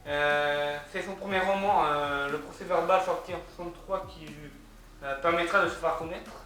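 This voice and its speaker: Male French-accented host, slightly high voice, halting lecture from notes; very roomy, distant sound, faint music underneath. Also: fairly even intonation, pushed and bright. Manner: many hesitations and restarts, reads out web addresses. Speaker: culture video host. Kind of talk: hesitant spoken lecture from notes. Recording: very echoey room, voice from off-mic, faint music.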